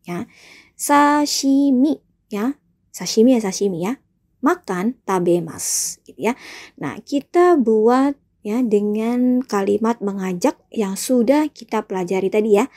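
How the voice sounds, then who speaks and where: A young woman teaching a language lesson, patiently repeating example phrases slowly for learners. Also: fairly high pitch, a little mellow. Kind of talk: video lesson, explaining and drilling phrases.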